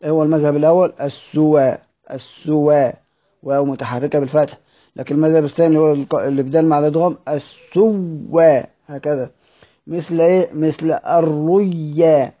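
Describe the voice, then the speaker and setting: A man with an Egyptian Arabic accent teaches the fine points of Quran recitation. His voice sits a little high and sounds soft and mellow, and the recording is dull and lo-fi. He moves between reading a classical text and explaining it in plain speech, full of rhetorical questions. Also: steady tone, fairly quick. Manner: reads a passage, then explains it in colloquial speech with rhetorical questions.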